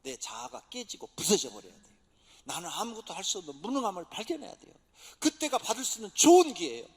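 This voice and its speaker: A male pastor preaching a sermon with passion, swinging from shouted exclamations to hushed whispers. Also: high-pitched, sing-song, fast, gravelly. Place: church sanctuary. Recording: church hall reverb.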